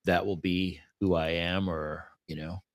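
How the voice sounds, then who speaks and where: A man's voice: sits low, level tone, measured pace, no room sound, studio quality. A man co-hosting a podcast in casual chat, reflective and affirming, often adding "right?". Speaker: podcast co-host.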